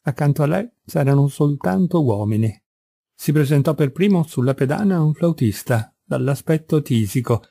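Mellow, measured male audiobook narrator. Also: on the high side, creaky, no echo. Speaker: audiobook reader. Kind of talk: scripted narration.

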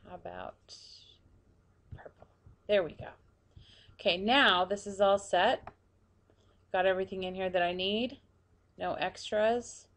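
A woman narrating a screen-recorded software tutorial, quietly talking through each step as she clicks. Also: mid-range voice, a little slow, long pauses, slight background noise. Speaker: tutorial presenter.

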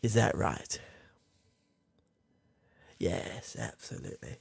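A young man puts on an exaggerated, gravelly voice to portray a doddering granddad who is confused, creepy, and prone to rambling, all for a comedy ASMR roleplay. His lowish delivery has lively intonation as he halts, trails off, and chuckles. The dry recording comes from a close studio mic in a small dark indoor room, camera near his face.

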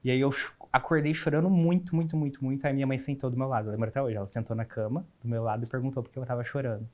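A young man in his twenties with a Brazilian Portuguese accent, speaking as an interview guest. His voice sits at an ordinary middle pitch. He tells his story openly and earnestly, often stopping and restarting. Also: steady tone, very fast, darkish tone, lo-fi sound. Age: 20s. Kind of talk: candid personal interview.

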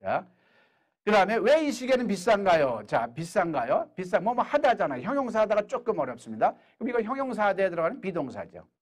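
A middle-aged man giving an energetic English lecture in a hall, drilling questions and answers with his audience. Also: high voice, brisk.

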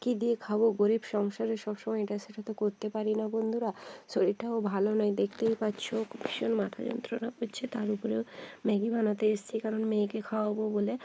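A sick woman with a hoarse voice, quietly and tiredly narrating a casual cooking vlog from her home kitchen to viewers she treats as friends. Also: medium pitch, flat delivery, fast talker, slight background noise. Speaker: housewife vlogger.

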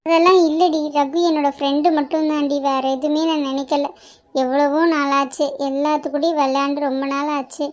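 A woman voicing a gentle, motherless young woman who pleads softly and tearfully in a cartoon. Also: high-pitched, level tone, brisk, natural voice. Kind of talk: cartoon voice acting.

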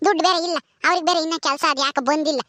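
A woman's voice: high-pitched, steady tone, racing, dry recording, clean studio sound. A woman playing a poor village mother, scolding her hungry daughter in a village skit. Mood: worn out. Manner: scolding, loud and exasperated. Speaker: actor in a village drama.

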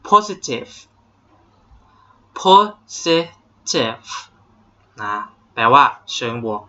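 A young Thai man with a Thai accent teaches English vocabulary in an online lesson, his mid-range voice bright, pushed, and swinging widely in pitch as he speaks slowly. He jokes around playfully and drills words with exaggerated pronunciation, captured on a dull lo-fi home recording.

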